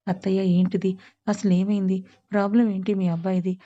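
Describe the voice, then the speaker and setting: A woman voicing an anxious, gentle young bride who speaks timidly and politely. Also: mid-range voice, level tone, fairly quick, lo-fi sound, lightly acted.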